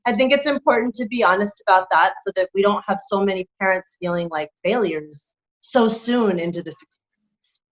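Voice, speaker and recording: In a conversational interview with dull lo-fi sound, a woman lactation consultant speaks candidly and animatedly, laughing as she makes her points. Her mid-range voice moves briskly.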